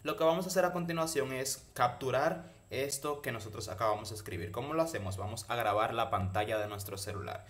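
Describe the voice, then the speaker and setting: A man with a medium-pitched voice hosts a casual how-to tutorial. He speaks straight to the viewers and walks them through each step in an instructional way. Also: fairly quick, few pauses, fairly bright tone. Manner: instructional, addresses viewers directly. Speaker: tutorial host.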